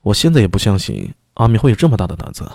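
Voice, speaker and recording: A man's voice: fairly low pitch, wildly swooping pitch, rapid-fire, creaky, a little mellow, no echo, studio quality, full character voice. A man voicing a cautious male constable in an audio story, speaking in a hesitant, placating way. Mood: wary.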